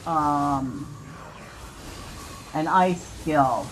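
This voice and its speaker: Low-voiced woman gamer thinking aloud. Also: lively intonation, drawn-out words, a little hiss or hum, rough recording. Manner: thinks aloud, explaining choices. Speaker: gamer commentating on own play. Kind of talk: casual gameplay commentary. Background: music.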